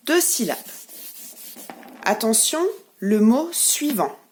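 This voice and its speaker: Slow, lively-voiced French preschool teacher. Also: female voice, fairly high pitch. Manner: slow, gentle and clearly articulated, leading children through syllable clapping. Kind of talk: remote lesson for young children.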